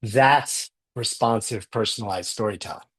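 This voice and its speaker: A man's voice: on the low side, moderate pace, fairly bright tone, breathy edge. A man giving a conference keynote, enthusiastic, often repeating words as he goes. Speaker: conference speaker. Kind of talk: keynote talk.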